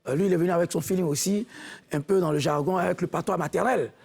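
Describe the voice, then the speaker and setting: A man giving a measured, halting critique as a talent show juror. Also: sits high, vocal fry, a little mellow, slightly rough. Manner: measured, halting, repeats words. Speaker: jury member. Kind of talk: spoken critique of a contestant.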